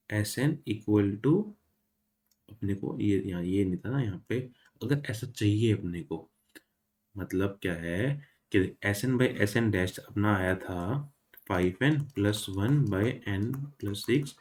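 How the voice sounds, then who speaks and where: Chatty young maths tutor, lowish voice. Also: male voice, darkish tone. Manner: chatty, informal, mixes Hindi and English, apologetic about mistakes. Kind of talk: casual exam-revision lesson.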